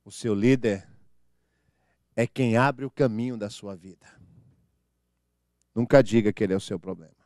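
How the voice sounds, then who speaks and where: A man preaching a sermon as pastor, swinging from soft low asides to loud proclamations and comic impressions of churchgoers. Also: normal speed, long pauses, no room sound, studio quality. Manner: animated, mimics church members with comic voices.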